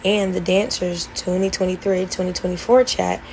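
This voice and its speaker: Young woman with vocal fry recounting events. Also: lowish voice, steady tone, normal speed, a little mellow, slight background noise, poor audio. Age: young adult. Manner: earnest, detailed recounting with frequent fillers. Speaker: former college band member telling her story. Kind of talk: personal storytime vlog.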